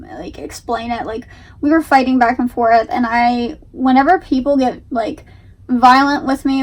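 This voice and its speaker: A young adult woman giving casual reaction commentary, explaining herself in a halting, repetitive, emphatic way. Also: on the high side, a little mellow, distant mic, low-quality recording. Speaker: reaction video host.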